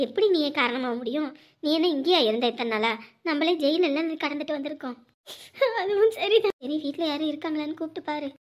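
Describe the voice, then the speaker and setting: A woman plays a steady female friend just out of jail. She speaks softer and lower than her other roles, soothing and matter-of-fact. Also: quick pace, natural voice. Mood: consoling. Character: steady female companion from jail, calm, consoling.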